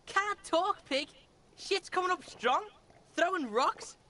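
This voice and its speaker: A squeaky mouthy kid, bright and brash. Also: male voice, lively intonation, takes it slowly, exaggerated voice. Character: foul-mouthed cocky young boy, brash.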